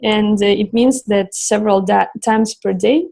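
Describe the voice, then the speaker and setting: A woman answers interview questions, pausing often to find her words. Her voice is worn and getting hoarse. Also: mid-range voice, fairly even intonation, dark tone, poor audio. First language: Russian. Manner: searching for words, many restarts and fillers. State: losing her voice. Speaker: founder of a travel project.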